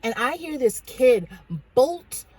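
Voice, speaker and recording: A woman's voice: sits high, animated, takes it slowly, darkish tone, breathy edge. A woman casually recounting a dream in a rambling, hesitant way, with many restarts.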